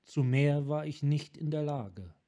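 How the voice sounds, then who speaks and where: A man voicing a tormented male wanderer who speaks in broken, halting phrases, in a fan audiobook reading. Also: a little high, dark tone, natural voice. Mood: haunted. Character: haunted tormented male dragon-mage wanderer.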